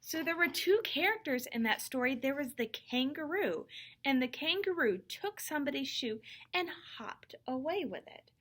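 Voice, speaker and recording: A higher-voiced woman teaching young children. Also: animated, fairly bright tone. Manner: slow, clear and encouraging, demonstrating voices. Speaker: music teacher.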